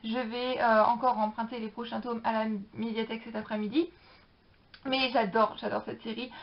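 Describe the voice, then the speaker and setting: A woman with a slightly high voice talks through her latest reads in a casual review vlog. She is chatty and enthusiastic, pausing often mid-sentence. The recording sounds dull and lo-fi. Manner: chatty, enthusiastic, many hesitations. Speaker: book reviewer.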